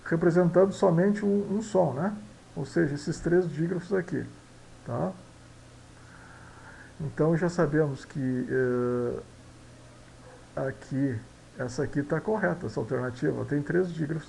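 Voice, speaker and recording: A man teaches language basics in a patient, repetitive way, often checking in with short tag questions. His voice sits a little high and carries a gravelly, creaky texture. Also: a little mellow, slight background noise, low-quality recording. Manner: explanatory, frequent tag questions, slow and repetitive. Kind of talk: explaining Portuguese phonology exercises.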